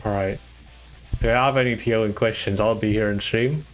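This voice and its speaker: Soft background music accompanies a German man, the tournament's organizer, as he provides casual, meandering solo esports commentary and chats with his audience. His voice is lowish and fairly even in intonation, at normal speed.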